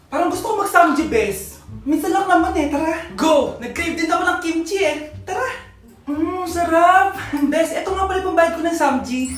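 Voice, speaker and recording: A woman with a very high voice acts out one character after another in short comedy skits. Her voice rings in an echoey room over background music. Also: expressive, moderate pace. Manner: switches between teacher, student and mother voices. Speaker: comedy sketch creator playing many characters.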